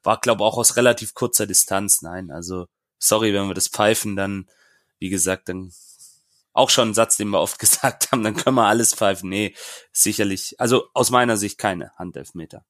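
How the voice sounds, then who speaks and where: A man co-hosting a casual football podcast, giving calm, deliberate opinions. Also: lowish voice, dry recording, studio quality. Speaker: podcast co-host.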